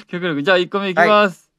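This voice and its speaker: A man hosting a radio show in casual chat, halting and agreeable as he feels his way through sentences. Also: sits high, noisy background.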